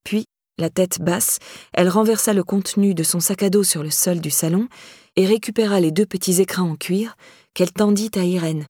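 A woman narrating a novel as an audiobook in a measured, even storytelling manner. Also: on the low side, slightly rough, no echo, studio quality. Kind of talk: scripted narration.

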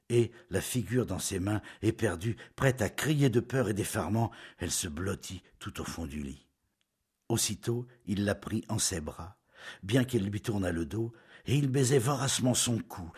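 A man reading a novel aloud in scripted narration, measured and intimate, often dropping to a hush. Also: sits low, husky.

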